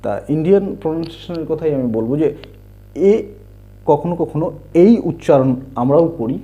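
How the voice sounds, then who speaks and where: A man teaching English letter sounds, spelling words out and repeating the sounds slowly. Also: on the high side, warm tone. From India. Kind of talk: slow explanatory lesson. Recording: dull lo-fi home recording.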